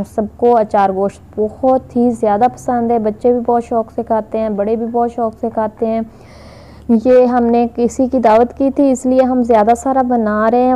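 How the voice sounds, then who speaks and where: In her home kitchen, a woman records her cooking vlog on a phone pointed at the pot. Her voice is slightly high yet dark in tone, and she walks through the recipe in a chatty, repetitive manner full of filler words.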